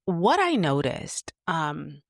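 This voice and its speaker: This advice podcast host talks slowly in a low, creaky voice, yet she is very animated as she rambles through personal anecdotes packed with fillers. Her casual monologue is captured dry, with clean studio quality.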